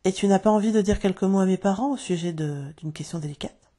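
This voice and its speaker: A woman voicing a caring young girl who speaks softly and hopefully in an audiobook. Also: mid-range voice, fast talker, natural voice. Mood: pleading.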